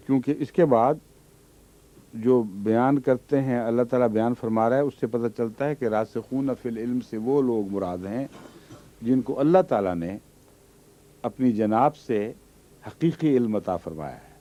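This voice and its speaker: A man's voice: mid-range voice, a little slow, pauses often, mellow. A man giving a Quran commentary lesson, reciting Arabic verses and then explaining them patiently. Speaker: Quran teacher. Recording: dull lo-fi archive recording.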